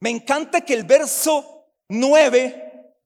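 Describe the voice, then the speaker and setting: High-pitched pastor guy preaching, belts and sings his lines then drops way down, big echoey church. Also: slow pace, gravelly. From Costa Rica. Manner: fiery preaching with sung, shouted swells and quiet asides. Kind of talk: sermon. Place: church hall. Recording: long hall reverb.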